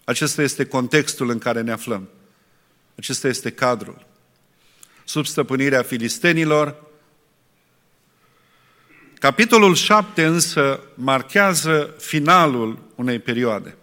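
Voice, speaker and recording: A man preaching a sermon, asking rhetorical questions and pausing often to restart. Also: medium pitch, pushed and bright. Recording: long reverb in a hall.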